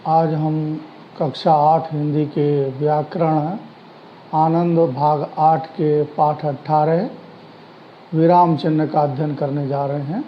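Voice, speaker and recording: A man teaching a grammar lesson to schoolchildren, explaining slowly and deliberately. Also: fairly high pitch, slight background noise. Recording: dull lo-fi sound with faint ambience.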